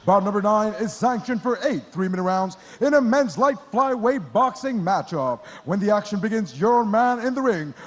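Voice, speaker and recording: A man announcing a boxing bout formally, with a drawn-out, booming showman delivery like a lucha libre announcer. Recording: long hall reverb over arena PA.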